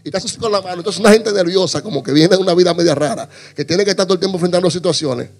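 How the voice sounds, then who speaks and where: A man preaching a humorous sermon to his congregation, animated and jokey, acting out little scenes. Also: sits high, rapid-fire. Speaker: pastor.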